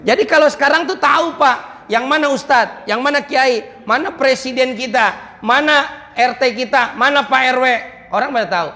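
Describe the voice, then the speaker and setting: A man's voice: extremely high pitch, moderate pace, bright, forceful tone. A man preaching a chatty, joking dawn sermon in a neighborhood prayer hall, mixing in Arabic recitation. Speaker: preacher at weekly dawn study. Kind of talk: humorous colloquial sermon. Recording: long reverb of a prayer hall.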